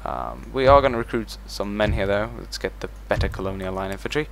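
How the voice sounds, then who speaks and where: A gaming channel host with a lowish, creaky voice talks in a brisk, sing-song way, with a little hiss or hum on the audio. In his let's play, he thinks aloud about each move while managing a strategy game.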